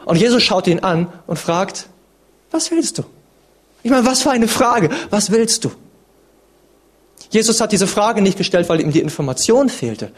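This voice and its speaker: A man preaching a sermon in an earnest, dramatic way, swinging between emphatic lines and hushed ones. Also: sits high, expressive, normal speed, few pauses, breathy edge.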